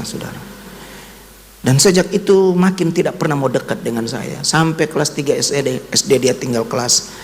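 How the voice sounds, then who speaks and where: In a large hall with slight background noise, a male pastor delivers a sermon that includes his own testimony. He talks straight to the congregation with deep emotion, rising into high cries whenever he repeats his son's words.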